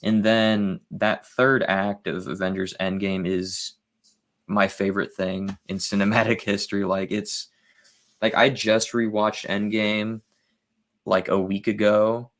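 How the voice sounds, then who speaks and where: A man appearing as a guest movie reviewer in a casual chat, talking eagerly and excitably about films. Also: fairly low pitch, a little slow.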